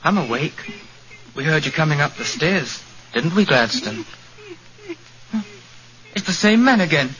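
A man's voice: fairly high pitch, sing-song, a little slow, pauses often, bright, forceful tone, exaggerated voice. An actor playing a naive, childlike young man devoted to his dog in an old radio drama. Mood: pleading. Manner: pleading, naive. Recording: dull lo-fi old radio recording.

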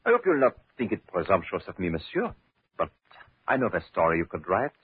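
An actor playing a genial French gentleman with a French accent, speaking in a courteous, measured way in an old radio drama. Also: deep voice, sing-song, slightly rough, heavily acted. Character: genial middle-aged French mayor's son, storyteller. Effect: old radio show. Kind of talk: 1940s radio drama acting. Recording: thin, phone-like old radio broadcast.

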